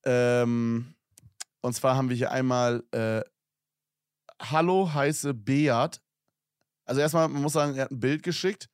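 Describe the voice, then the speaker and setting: A man's voice: medium pitch, steady tone, moderate pace, clear, resonant tone, no room sound, clean studio sound. A young man co-hosting a casual podcast, reading listener messages aloud with slang and laughs. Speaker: podcast co-host.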